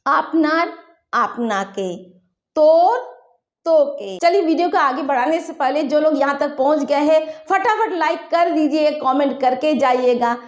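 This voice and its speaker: A woman with a high, bright-pitched voice teaches a language lesson. She speaks patiently, breaking words apart and repeating them slowly so viewers can follow. Her voice rings in an echoey room. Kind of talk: Hindi-medium language lesson.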